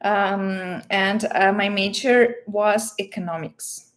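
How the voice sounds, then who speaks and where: Speaking slowly in a steady, mid-range voice, this woman hosts a livestream and fields questions in a relaxed, playful way. She is a native Russian speaker with a Russian accent and frequently pauses to find the right words.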